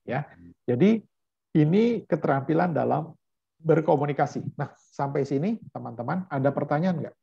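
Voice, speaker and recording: Gravelly-voiced man teaching an online class. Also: a little high, animated, moderate pace, mellow, no room sound, muffled recording. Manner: chatty, hesitant, many fillers. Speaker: Bible school teacher. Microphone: video call.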